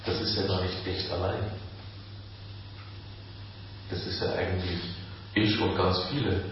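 Guy giving a calm satsang talk, lowish voice, echoey room, far from the mic, kinda dull sound. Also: unhurried, a little hiss or hum. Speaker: spiritual teacher.

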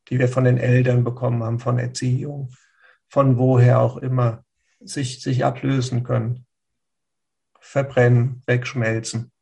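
A man speaking as a spiritual teacher who answers a listener's question in a slow, searching way, with pauses and restarts. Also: medium pitch, creaky, darkish tone, slightly rough.

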